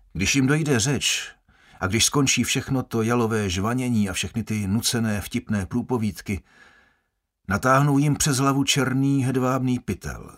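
A man reading a first-person audiobook in a measured, grave storytelling manner. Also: medium pitch. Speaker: audiobook narrator.

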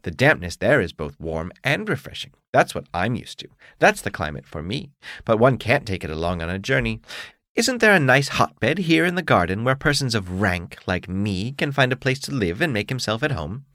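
Man reading a pompous storybook beetle, raised and huffy, lively pitch. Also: moderate pace, no echo, clean studio sound. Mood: haughty. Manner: haughty, indignant, self-important. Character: pompous, touchy male dung beetle.

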